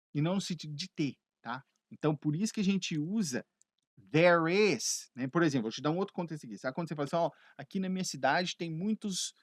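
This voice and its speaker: A man's voice: fairly high pitch, no echo, studio quality. Chatty Brazilian-Portuguese-speaking man teaching. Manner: lively, chatty, asks himself questions and answers them. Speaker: English teacher. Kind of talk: explaining English phrases.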